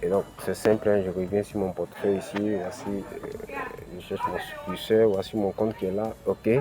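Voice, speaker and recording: With music behind him, a crypto channel host walks through a screen-recorded tutorial one step at a time, often saying "ok" and "voilà" in his African French accent. His voice is deep and level, at normal speed.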